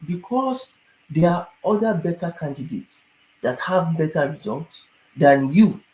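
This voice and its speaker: A man's voice: on the high side, a little slow. A man, a tired immigration advisor talking casually to viewers and often asking whether they understand. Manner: animated, asks rhetorical questions, repeats "do you understand". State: tired, yawning. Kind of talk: casual explainer talk to viewers. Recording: echoey room.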